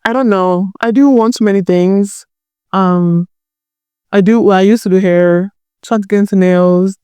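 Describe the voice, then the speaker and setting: A woman's voice: mid-range voice, fairly even intonation, a little slow, warm tone, clean tone, no room sound. A young woman with a Nigerian accent, a caterer talking casually as a guest in a chatty, self-deprecating way. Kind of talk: casual chat.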